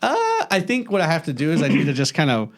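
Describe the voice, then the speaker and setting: A man co-hosting a podcast in casual chat, halting and hesitant. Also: on the high side, big pitch swings, vocal fry. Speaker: podcast co-host.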